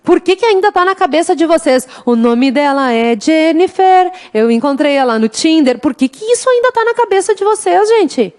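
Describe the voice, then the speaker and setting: A woman with a very high, animated voice talks at normal speed, barely pausing. She teaches an online law exam prep course with an interior Rio Grande do Sul Brazilian Portuguese accent, teasing and chatting, calling students "gente" affectionately and breaking into a mnemonic samba.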